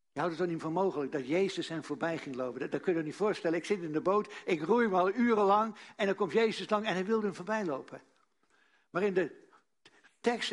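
A man preaching a sermon, earnest, repeating key phrases and dropping to a hush for emphasis. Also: a little high.

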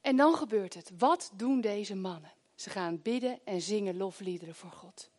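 A middle-aged woman preaching a sermon, telling stories with lively swings between hushed prayer and loud exclamations. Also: medium pitch, normal speed.

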